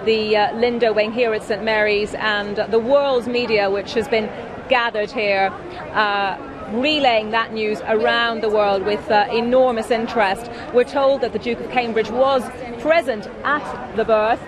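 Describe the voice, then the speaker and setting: A woman's voice: a little high, steady tone, a little slow. A woman giving live breaking news as a reporter outdoors, improvising with some hesitation as updates come in. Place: outdoors outside a hospital. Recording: cheering crowd behind. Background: large cheering crowd.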